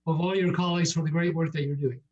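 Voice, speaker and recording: Male emcee reading award citations, slightly high voice, dull lo-fi sound. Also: steady tone, fast talker, darkish tone. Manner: reads from script, improvises lightly. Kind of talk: scripted award presentation. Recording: dull lo-fi audio.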